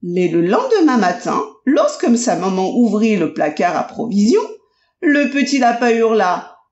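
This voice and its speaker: Slow, expressive woman storyteller. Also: fairly high pitch. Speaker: audiobook narrator. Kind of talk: children's storybook narration. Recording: roomy, dull lo-fi audio.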